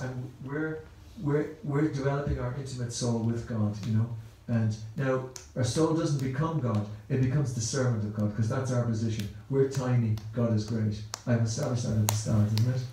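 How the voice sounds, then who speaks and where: A man's voice: mid-range voice, dark tone, a little hiss or hum. An Irish man giving a rambling, conversational Sunday talk at a temple, repeating words as he goes. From Ireland. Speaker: temple speaker. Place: temple hall. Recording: very echoey room.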